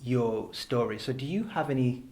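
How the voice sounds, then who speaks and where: A man's voice: mid-range voice, lively intonation, moderate pace, a little mellow. A man hosting an interview podcast, effusive and enthusiastic, often affirming what his guest says. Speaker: podcast host. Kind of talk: interview conversation.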